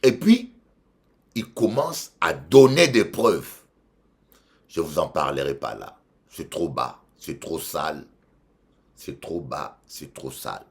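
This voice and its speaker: A man with a Congolese French accent, a bishop preaching a sermon, emphatic and repeating phrases, swinging between loud and quiet. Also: extremely low pitch, sing-song, slow pace, gravelly, pauses often.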